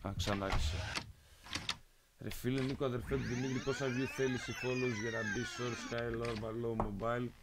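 A man's voice: medium pitch, steady tone, heavy background noise. A man casually commenting while streaming a video game, sometimes muttering to himself. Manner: reads game dialogue aloud in English, muttering asides. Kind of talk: casual let's-play commentary. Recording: game music playing behind. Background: guitar music from the game.

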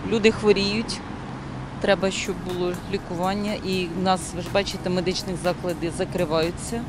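A woman's voice: fairly low pitch, level tone, brisk, background noise. A middle-aged woman on the street speaking emphatically about her dismay. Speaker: passer-by in street interview. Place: street outdoors. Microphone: handheld reporter mic. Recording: music bed under voice.

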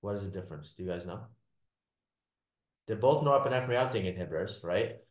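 A man's voice: low voice, lively intonation, a little fast, roomy sound. A man teaching a class, repeating his points and checking in with the students with "all right?" and "does that make sense?". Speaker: lecturer. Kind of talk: classroom lecture.

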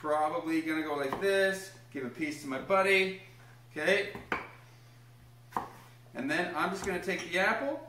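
A man's voice: a little high, moderate pace, long pauses, noisy background. A young man demonstrating a recipe in his home kitchen, upbeat and encouraging as he explains each step and cheers on a small child helping him. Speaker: home cooking host. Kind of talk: casual cooking demonstration. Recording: echoey kitchen room.

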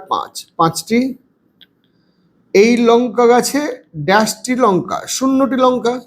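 A man with a Bengali accent teaching a children's lesson, patiently spelling out words letter by letter and counting aloud. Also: sits high. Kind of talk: reading lesson for young children.

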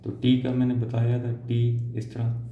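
A man teaching a shorthand lesson step by step, slow and patient, trailing off softly as he draws each symbol. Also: mid-range voice, completely flat delivery, a little hiss or hum. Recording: dull lo-fi sound in an echoey room.

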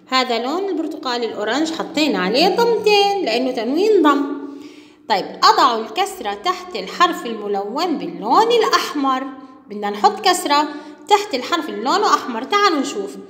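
A woman's voice: high-pitched, fairly bright tone. A woman teacher, patiently walking young pupils through exercises step by step and putting questions to them. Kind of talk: recorded classroom lesson for children. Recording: echoey room with long reverb.

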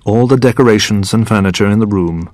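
A man with a lowish voice narrates a storybook in slow, clear, deliberate English for learners. The recording is dry and close, with no room sound. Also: a little mellow, no echo.

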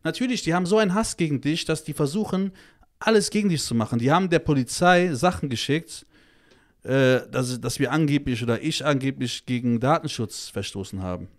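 A child-protection activist appears as a podcast guest, speaking in a somewhat high, animated voice at a slightly fast pace. The casual conversation finds him blunt, crude, heated and emphatic, loaded with slang and swearing, and he keeps saying "Alter."

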